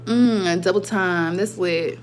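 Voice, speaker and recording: A young woman from the southwestern United States, Arizona and Las Vegas, hosts a livestream from home, rambling in slangy, informal chat. Her voice sits fairly low and she takes it slowly, with slight background noise.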